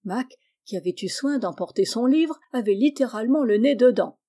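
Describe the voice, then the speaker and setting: A woman reading a classic children's novel aloud, narrating calmly and lifting her voice for the children's lines. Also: on the high side, moderate pace. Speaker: audiobook reader. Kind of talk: storybook narration.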